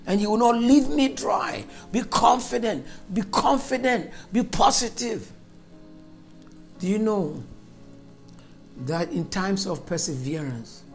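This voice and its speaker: Preacher, fervent sermon and prayer, emphatic repetition, mid pitch, faint background music. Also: darkish tone. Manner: fervent, emphatic, repeats phrases for stress.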